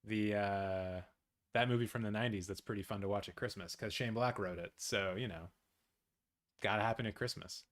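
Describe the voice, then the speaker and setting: A man from Canada hosting a live awards watch-along from his apartment, chatting casually and answering viewer comments with excitable, rambling asides. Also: lowish voice, moderate pace. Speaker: live-stream host.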